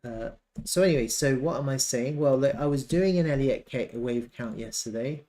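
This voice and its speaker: The speaker, a live stream host who teaches trading, gives live chart commentary with a warm, mid-range voice at a normal speed. He breaks the market analysis down step by step and repeats the important points for emphasis.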